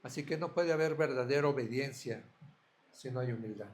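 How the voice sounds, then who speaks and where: A man's voice: mid-range voice, fairly quick, a little mellow, a little hiss or hum. A man preaching a sermon as a pastor, earnest, asking his listeners direct questions.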